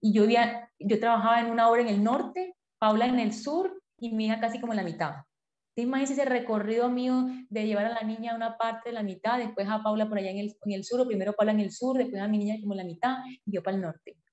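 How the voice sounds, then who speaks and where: A woman, a podcast guest telling her personal story in an animated way, acting out her past self in quotes. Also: on the high side, fast talker. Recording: echoey room, dull lo-fi sound.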